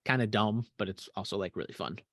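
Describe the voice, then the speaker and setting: Talking fast in a fairly low voice, a male podcast co-host keeps things casual, cursing freely and frequently mumbling off mid-thought. The studio recording is clean, with no room sound.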